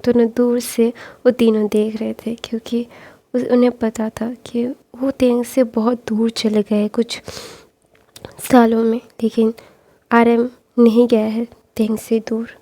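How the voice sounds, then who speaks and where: A woman casually retelling a long story, rambling and circling back with fillers. Her voice sits somewhat high with a flat melody and a very dark, mellow tone. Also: a little slow.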